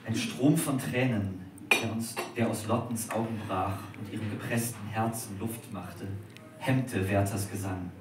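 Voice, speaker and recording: Male reader, dramatic literary reading, heard from far off in a very echoey dining room with faint background noise. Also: fairly low pitch. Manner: measured, expressive. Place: restaurant at a live dinner reading.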